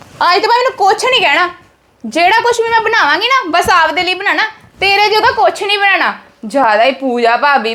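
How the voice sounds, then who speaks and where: A woman with a very high voice plays an aggrieved daughter-in-law in a home drama skit. She complains and scolds. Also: bright, forceful tone. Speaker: actor playing a resentful daughter-in-law. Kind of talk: family drama skit acting.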